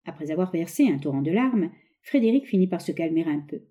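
A woman narrating a novel aloud in a measured, expressive reading. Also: lowish voice, dull audio.

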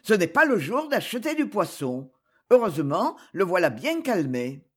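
A reader voicing a friendly male servant in an audiobook, making quick, familiar remarks. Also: medium pitch, big pitch swings, slightly rough. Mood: chatty. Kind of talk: audiobook character voice.

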